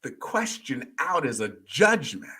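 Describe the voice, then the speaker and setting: A man in his fifties, a life coach hosting a conversation, talking in a playful, animated way with sudden high excited bursts and mimicry. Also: unhurried, slightly rough. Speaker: life coach and show host.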